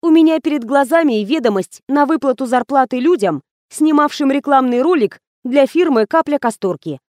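Stern woman investigator, read by a woman, curt and commanding, raised pitch, audiobook. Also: expressive, normal speed, a little mellow, dry recording, clean studio sound.

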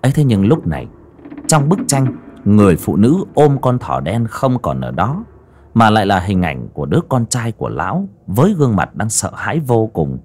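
A man narrating a horror audiobook in a dramatic, expressive way. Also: lowish voice, moderate pace, slight background noise. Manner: expressive, rising and falling with the drama.

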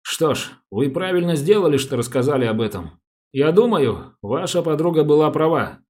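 A man voicing a calm, businesslike male police detective who asks polite, measured questions in an audiobook. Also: fairly high pitch, voice pushed up, lightly acted. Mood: advising.

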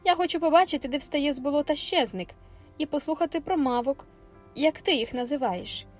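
A woman's voice: high-pitched, fairly quick, a little mellow, soft background music, pitched above the performer's own voice, lightly acted. A woman voicing a spoiled, bossy young girl in an audiobook, imperious and indignant. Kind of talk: audiobook character voice.

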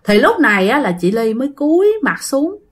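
Southern vietnamese woman telling a ghost story, chatty, talks right to you, fairly high voice. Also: big pitch swings, brisk. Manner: chatty, addresses listeners directly. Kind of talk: casual ghost-story narration.

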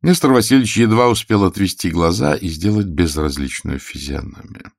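Deep, gravelly male audiobook narrator. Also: no echo, studio quality. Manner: even, measured storytelling.

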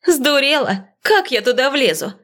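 A woman voicing a stubborn, sharp-tongued young woman in hiding who grumbles and snaps, in an audiobook. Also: fairly high pitch, animated, moderate pace, voice pushed up. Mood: indignant. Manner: grumbling, snappish. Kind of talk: audiobook character voice.

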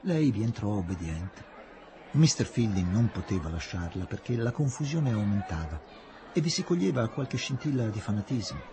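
A man reading a novel aloud in a varied, expressive way. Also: on the low side, normal speed, a faint crowd, slight background noise. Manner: expressive, shifting dramatic reading. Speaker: reader.

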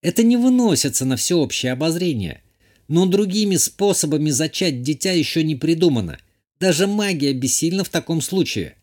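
A man voicing a proud, irritable young noblewoman, a countess, in an audiobook. He gives her a sharp, reproachful way of talking. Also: on the high side, lively intonation, normal speed, pitched above the performer's own voice. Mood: indignant.

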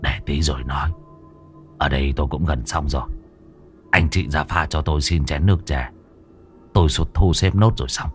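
A man voicing an elderly village exorcist who speaks low, halting and terse with grim foreboding. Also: soft background music. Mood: grave, ominous.

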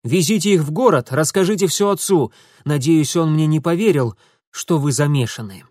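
A man's voice: a little high, moderate pace, darkish tone, no echo, clean studio sound, voice pushed up, natural voice. A man voicing a brusque young man who gives curt, impatient orders in an audiobook. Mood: commanding. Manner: curt, commanding. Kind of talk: audiobook character voice.

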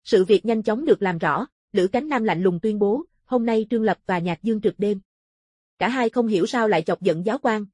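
A woman narrating an audiobook novel in a steady, even storytelling manner. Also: mid-range voice, slightly rough, no room sound, clean studio sound.

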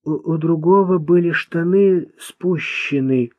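Raising his voice to a slightly high register and speaking slowly, a performer voices an audiobook character: a simple-minded young man bent on revenge. He comes across resentful and hate-filled, talking bluntly like a child, captured in a dull, dry, lo-fi recording.

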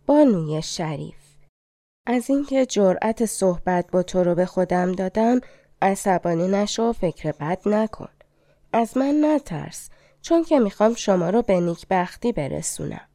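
A gentle old fortune-teller from a storybook, coaxing and mysterious as she reads fates and gives instructions, as a woman narrator puts her on. Her voice is warm and mellow, recorded close and dry. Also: mid-range voice, lively intonation, dry recording, close to an everyday voice. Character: old limping female fortune-teller, fairy in disguise. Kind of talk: audiobook fairy tale reading.

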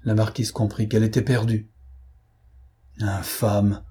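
A man narrating a novel as an audiobook in a measured, steady way. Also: lowish voice, husky.

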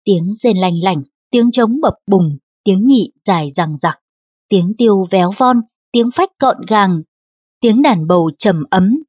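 A woman narrating a historical novel as an audiobook in a steady, even reading. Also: mid-range voice, measured pace, slightly rough, dry recording. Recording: dull lo-fi audiobook recording.

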